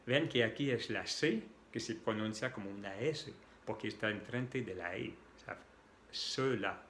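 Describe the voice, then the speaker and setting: Male French tutor, native French speaker, slow and patient, mid-range voice, faint hiss behind. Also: mid-range voice, fairly bright tone. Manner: slow, patient, repeats words and sounds aloud. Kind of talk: explaining pronunciation for beginners.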